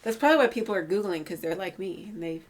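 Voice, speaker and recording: A woman's voice: medium pitch, animated, fast talker. A woman hosting a podcast in casual chat, playful and teasing as she asks questions. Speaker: podcast host.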